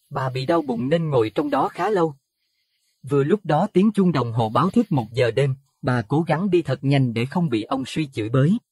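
Male narrator, dramatic horror audio story, lively pitch, dry close sound. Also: husky, no room sound. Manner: expressive, rising to alarm at scary moments.

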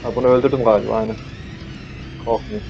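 A young man streaming a zombie game, joking and talking to the zombies as he plays, sometimes bursting into yells. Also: mid-range voice, flat delivery, quick pace, creaky. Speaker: gameplay streamer. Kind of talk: casual let's-play commentary. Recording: dull lo-fi mic with noise.

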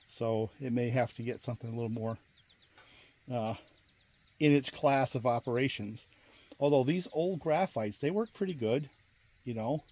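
A fishing vlogger with a medium-pitched, somewhat dark voice offers casual, plainspoken, folksy commentary outdoors. The recording is outdoors, with clearly audible background noise.

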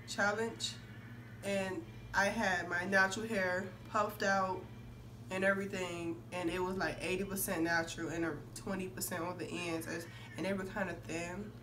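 Hoarse and congested from a cold, a young woman beauty vlogger clears her throat while talking casually and with emphasis to the camera in a lowish voice. A phone several feet away in a curtained indoor room picks her up, giving a distant sound with room noise.

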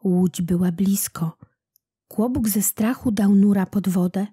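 A woman narrating a children's legend aloud in a slow, deliberate storytelling manner. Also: mid-range voice, warm tone, breathy edge, dry recording, clean studio sound. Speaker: narrator, audiobook reader.

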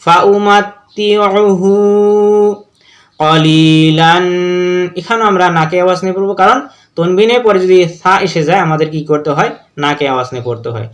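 A man teaching Quran reading, spelling out verses letter by letter, then chanting them slowly with brief rapid explanations. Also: high-pitched, a bit bright. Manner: slow drawn-out recitation, quick asides explaining rules.

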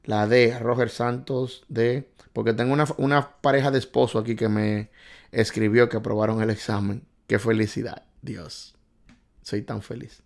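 This is a man hosting a casual live stream, reading out driving test questions and the answers viewers send in. His pitch sits in the middle range. He talks in an excitable, chatty way, joking with and scolding his audience. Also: moderate pace. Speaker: livestream host quizzing viewers on driving test.

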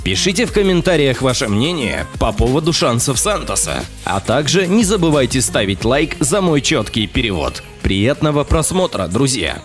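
Male channel host, upbeat promo voice-over, animated intonation, loud backing music. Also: mid-range voice, normal speed. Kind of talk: energetic voice-over presentation.

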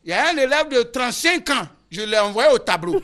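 High-voiced Ivorian comedian telling a story. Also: male voice, fairly quick. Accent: Ivorian French. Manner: animated storytelling with frequent laughter. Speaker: comedian playing a village schoolteacher. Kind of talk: comic stand-up monologue.

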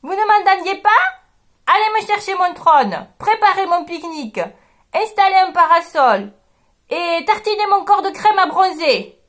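A woman voicing a pompous, bossy male lion king who barks orders loudly, in a storybook reading. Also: very high voice, lively intonation, moderate pace, pitched above the performer's own voice. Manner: loud barking commands.

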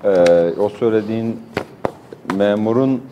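A man's voice: lowish voice, fairly even intonation, normal speed, mellow, a little hiss or hum. A man hosting a sports talk show, asking short probing questions in a studio. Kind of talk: studio interview. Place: local TV studio.

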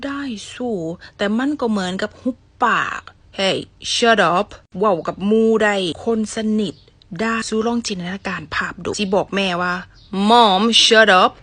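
A woman's voice: mid-range voice, normal speed, dry recording. Playful Isan-accented woman teaching. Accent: Isan Thai. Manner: playful, chatty, slips into whispers for examples. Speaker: English teacher. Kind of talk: casual language lesson.

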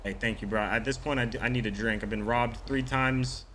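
A man streaming a role-play game, loud and frantic when he pleads for help, laid-back in casual chat. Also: mid-range voice, steady tone, brisk, slight background noise. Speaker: streamer playing a good samaritan character. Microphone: desk mic with webcam.

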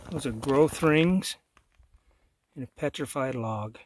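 On a rocky desert trail, a middle-aged vlogger offers casual hiking commentary, noting what he sees and readily impressed by it. He speaks slowly at a medium pitch, and there's no room sound.

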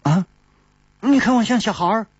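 A bold young woman teases with giggling, drawn-out words, put on by a male storyteller. The voice sits higher and swings widely, with a slightly husky edge on a dull, dry recording. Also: animated, dry recording, full character voice. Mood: teasing. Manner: coy, giggling, drawn-out wheedling.

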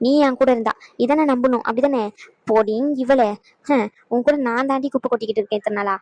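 Woman voicing a fiery old cartoon granny, high voice, rattles off scoldings super fast, dry sound. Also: steady tone, a little mellow, no echo, close to an everyday voice. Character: sharp-tongued elderly village grandmother. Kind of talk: cartoon voice acting.

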